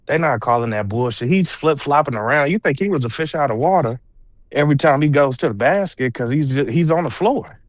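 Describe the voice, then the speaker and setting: Male podcast co-host, slightly high voice, dry close mic, animated and teasing with street slang. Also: a little fast, dry recording. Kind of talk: casual sports debate.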